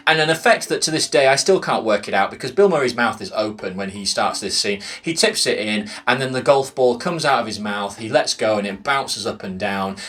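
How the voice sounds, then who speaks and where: A man's voice: medium pitch, a bit bright. Enthusiastic man recommending a film. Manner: enthusiastic, retelling scenes with quick acted quotes. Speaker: film reviewer. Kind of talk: casual film recommendation talk.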